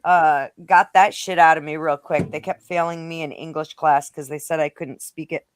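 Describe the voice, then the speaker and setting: A woman's voice: sits low, fairly even intonation, moderate pace, clear, resonant tone, no room sound. A blunt woman who swears freely, talking casually in a live discussion. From Rhode Island, now Western New York.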